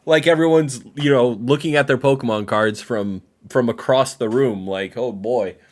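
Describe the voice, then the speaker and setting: A man's voice: mid-range voice, fairly even intonation, normal speed. A man with a mid-range voice hosting a casual reaction stream. He is blunt and dismissive, laughs often, and rambles in a loose, unscripted way. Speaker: host reacting to a video.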